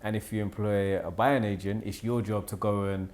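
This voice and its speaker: A man hosts a relaxed podcast conversation in a fairly low voice. He thinks out loud, sums up what his guest has said, and steers the talk toward the next question. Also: normal speed. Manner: relaxed, reflective, summarises guest's points. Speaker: podcast host. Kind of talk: casual podcast interview.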